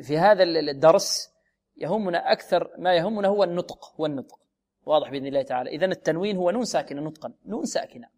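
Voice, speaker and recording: Male recitation teacher with a high voice who drills pronunciation through questions and slow recited examples. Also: darkish tone. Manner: explains and drills pronunciation, asks questions then answers them. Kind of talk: tajweed lesson with recited examples.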